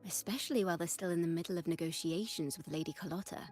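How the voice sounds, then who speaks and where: A woman playing an eager, excitable young female companion in a video game, with expressive storytelling delivery. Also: on the low side, rapid-fire, soft background music, lightly acted. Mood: informative, curious. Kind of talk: scripted video game dialogue.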